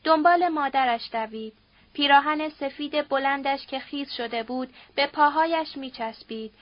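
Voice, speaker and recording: Female audiobook narrator, steady dramatic reading; dry, muffled lo-fi recording. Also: sits high, no echo. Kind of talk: literary narration.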